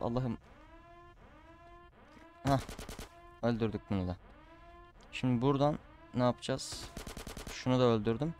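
His voice sits in the mid-range with a slightly mellow quality. The man casually comments on his gameplay, chatting to viewers he calls "abi" and venting frequent frustrated outbursts.

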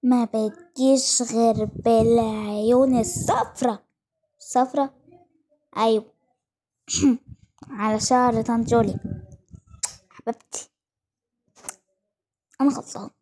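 A woman with an Egyptian accent improvising a toy-game role-play, talking in quick, bossy, teasing exchanges. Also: on the high side, fairly even intonation, mellow. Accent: Egyptian Arabic.

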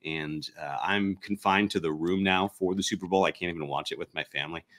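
A man's voice: sits low, steady tone, a little fast, a bit bright. A man hosting a podcast in casual chat, rambling and poking fun at himself. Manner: rambling, self-deprecating, jokey. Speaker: podcast host.

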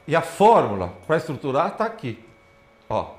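A man lecturing to a room, his voice a little high and very lively, swinging up and down in pitch. He keeps pointing at slides and calling the listeners' attention. The sound is roomy, with the echo of a lecture hall. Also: moderate pace. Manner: animated, points at slides with repeated "ó, olha só". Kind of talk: lecture to an audience.

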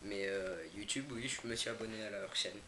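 A man's voice: on the low side, fairly even intonation, normal speed. Young guy doing an unboxing vlog, lots of euh and restarts, echoey room with packaging crinkle in the back. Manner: hesitant, many fillers and self-corrections. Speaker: YouTuber unboxing products. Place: indoors, not at his home. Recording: echoey room, noisy background. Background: crinkling packaging and clicks.

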